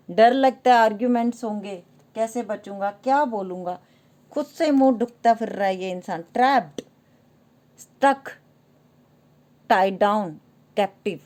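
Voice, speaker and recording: A woman with a fairly high voice gives an earnest tarot reading to her viewers. She talks emphatically, leaning on each card's message and reading English card phrases out between her own explanations. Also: darkish tone. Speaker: tarot reader.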